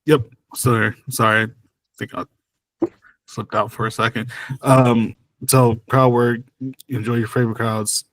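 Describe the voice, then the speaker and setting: A man's voice: mid-range voice, flat delivery, unhurried, pauses often, a bit bright, no room sound. Casual podcast host losing his voice. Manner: casual, asks follow-ups with filler "like". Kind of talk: casual interview questions.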